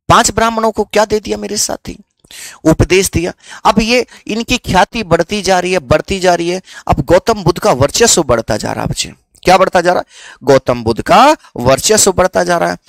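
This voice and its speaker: A man's voice: high-pitched, lively intonation, normal speed, creaky, dry recording. A young man with a Haryanvi accent teaching history as a story, often repeating questions back to his students.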